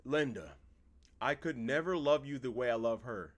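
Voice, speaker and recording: A man's voice: mid-range voice, expressive, normal speed, lightly acted. A man reading aloud the lines of a cold, dismissive husband in a game, delivered curtly.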